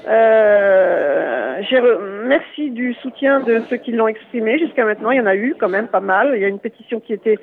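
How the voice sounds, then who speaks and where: Guy calling into a radio show, thin phone line sound, stops and restarts a lot, pretty high voice. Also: expressive, gravelly. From Lyon area, France. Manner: hesitant, halting, many fillers and restarts. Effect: heard over a phone line. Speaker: phone-in guest.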